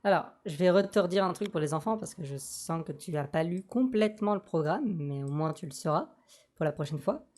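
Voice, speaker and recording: A man's voice: expressive, a little fast, darkish tone. A man speaking through a voice changer, patiently explaining a political programme point by point in a casual debate. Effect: voice changer, altered pitch. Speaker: political activist guest.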